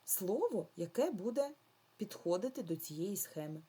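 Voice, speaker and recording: Slow, mellow woman teaching young children. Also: mid-range voice, big pitch swings, breathy edge. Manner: slow, patient, drawn-out words for children. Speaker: primary school teacher. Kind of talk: remote lesson for young children.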